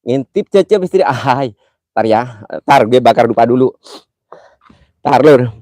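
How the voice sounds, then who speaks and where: A man's voice: mid-range voice, lively intonation, moderate pace, warm tone, dry recording. Playful man with a stuffy nose. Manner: playful, teasing, jokingly affectionate. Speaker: livestream host. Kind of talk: live mystery-hunt stream chat. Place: outdoors in a cemetery at night.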